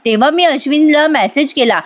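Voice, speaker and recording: A woman putting on a young wife who tells sweet, pleading fibs. The voice is fairly high and sugary, close to the narrator's own voice. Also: brisk, close to an everyday voice.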